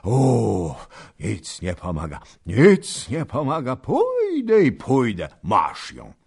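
A man's voice: mid-range voice, huge pitch swings, slow, a little mellow, slightly rough, pitched above the performer's own voice, exaggerated voice. A man voicing a garrulous, boastful old nobleman who talks in panting, rambling bursts. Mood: flustered pleading.

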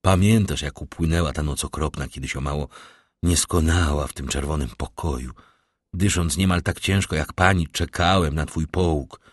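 A man voicing a grave, tormented middle-aged prosecutor in an audiobook, speaking slowly and measuredly. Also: very deep voice, husky, no room sound, studio quality, voice pushed down. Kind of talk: audiobook character reading.

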